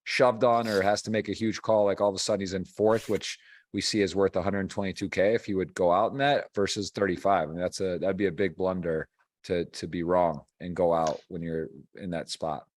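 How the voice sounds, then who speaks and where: A man's voice: low-pitched, fairly even intonation, brisk. A man giving conversational live poker tournament commentary as the host of a stream.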